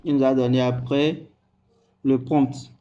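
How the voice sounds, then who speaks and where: A man hosting a screen-recorded software tutorial, talking hesitantly and repeating words as he types. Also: mid-range voice, little pitch movement, takes it slowly, lo-fi sound. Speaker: tutorial host.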